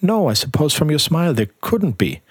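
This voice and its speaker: Man voicing a nosy old tea-shop graybeard, questioning, raised pitch, husky. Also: very animated, brisk, dry recording, clean studio sound. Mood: prying. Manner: prying, questioning.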